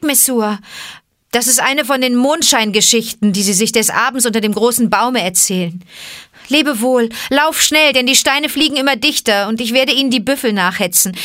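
A woman's voice: lowish voice, a little slow, no room sound, studio quality, lightly acted. A woman reading aloud, voicing a proud, defiant boy raised by wolves, speaking with heat. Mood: urgent. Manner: heated, defiant.

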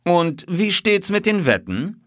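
A man doing a calm, unflappable detective, husky and raised. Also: sits high, slow, dry recording, clean studio sound, pitched above the performer's own voice, heavily acted. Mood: composed. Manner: calm, unshakably composed.

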